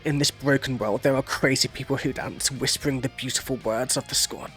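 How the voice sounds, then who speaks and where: Male reaction host, casual, profane, filler-heavy, average pitch. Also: steady tone, a little fast, a bit bright, faint music behind. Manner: loose and profane, full of "like" and "you know". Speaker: music reaction channel host. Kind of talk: casual reaction commentary, explaining lyrics.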